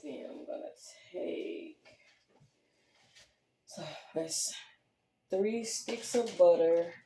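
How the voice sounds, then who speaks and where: A woman's voice: lowish voice, extremely slow, gravelly, mellow, reverberant, a little hiss or hum. A woman, chatting casually as she demonstrates baking in her small home kitchen, rambling with lots of fillers. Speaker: home baker.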